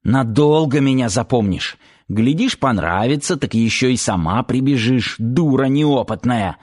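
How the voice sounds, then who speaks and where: A man's voice: mid-range voice, expressive, unhurried, darkish tone, slightly rough. A man voicing a crude, menacing brute. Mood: vicious threatening. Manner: coaxing whispers turning to snarled threats. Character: rough, predatory grown man, menacing and crude.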